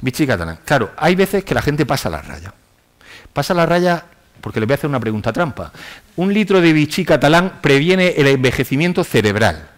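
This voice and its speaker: Male lecturer, slightly high pitch, ironic and animated delivery. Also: a little fast. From Spain. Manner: animated, ironic, quotes comments in mock voices. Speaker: university lecturer. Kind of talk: public science lecture. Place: lecture hall with audience.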